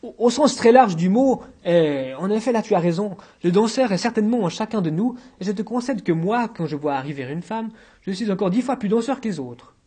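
A man voicing a suave, witty male intellectual with a soft, self-assured delivery in an audiobook reading. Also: high-pitched, expressive, brisk, slightly rough, voice pushed up. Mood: wry.

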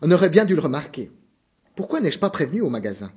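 Panicky young salesman, high and lively, a male reader doing him for a storybook. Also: slightly rough, exaggerated voice. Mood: pleading. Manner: pleading, hurried, apologetic.

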